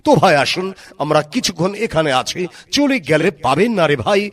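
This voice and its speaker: A man's voice: a little high, sing-song, brisk, a bit bright. A man with a Bangladeshi accent reading a scripted promotional ad in a chanting, repetitive salesman's patter. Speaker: advertisement announcer.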